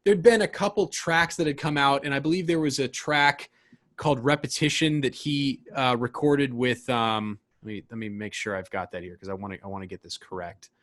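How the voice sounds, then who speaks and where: This podcast host talks about albums in a medium-pitched, somewhat bright voice with fairly even intonation and a slightly quick pace. His casual, enthusiastic chat rambles, and he keeps restarting and fixing his sentences.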